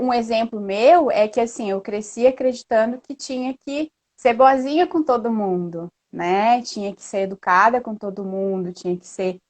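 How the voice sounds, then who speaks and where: A woman guest in a casual live chat, earnest and lively, often tagging her sentences with a questioning "né?". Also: a little high. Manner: earnest, lively storytelling with frequent "né?".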